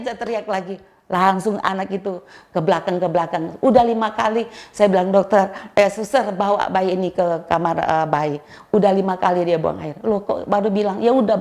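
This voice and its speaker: A woman's voice: medium pitch, vocal fry, a little mellow. A middle-aged woman giving a spoken testimony to a congregation, telling her story with animation and acting out the voices of the people in it.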